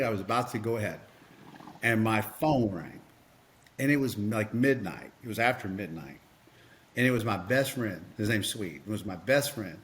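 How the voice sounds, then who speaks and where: A man, a podcast guest and coach, tells a personal story earnestly, with lots of fillers and restarts. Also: lowish voice.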